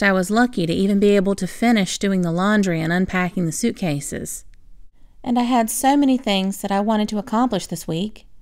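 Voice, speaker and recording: A woman vlogger giving a reflective voiceover about her week, soft, confiding and unhurried. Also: medium pitch, smooth. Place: home, recorded as a voiceover.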